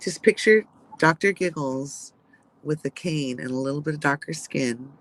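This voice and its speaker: A man's voice: fairly high pitch, moderate pace, a bit bright, rough recording. A man in a casual podcast chat, cracking crude jokes. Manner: joking, crude humor.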